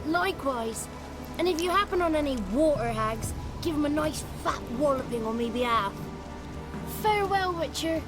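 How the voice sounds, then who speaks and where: A small, cheeky blue goblin. His voice sits high and keeps darting about as he frets through his tale. Loud game music plays behind him. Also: expressive. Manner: folksy rustic storytelling, quick and fretful.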